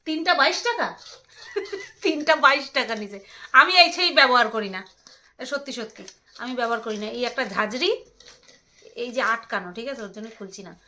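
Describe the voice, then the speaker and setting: A woman's voice: a little high, expressive, brisk, long pauses, sharp tone, slight background noise. A woman, chatting casually as she unboxes items and teases her husband. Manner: teasing, bickering with her husband. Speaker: vlogger. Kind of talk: casual home vlog, unboxing.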